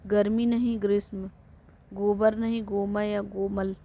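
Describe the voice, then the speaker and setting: A woman teaching Hindi vocabulary for exams, reading word pairs slowly and repeating them, sometimes correcting herself. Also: medium pitch, flat delivery, dull audio, a little hiss or hum. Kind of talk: exam-prep vocabulary drill.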